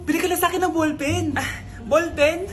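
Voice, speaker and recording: A woman's voice: very high-pitched, a little fast. A woman acting out comedic skits in a playful, teasing, mock-angry way. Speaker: comedy skit creator. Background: background music.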